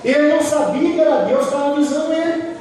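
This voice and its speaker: A man preaches with passion and keeps asking his listeners rhetorical questions. His voice sits high for a man. It rings through a big echoing church hall, picked up from a distance with a faint hiss behind it. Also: steady tone, fast, a little mellow. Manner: impassioned, rhetorical questions to the congregation. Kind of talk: sermon. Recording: echoey hall, distant mic, faint noise.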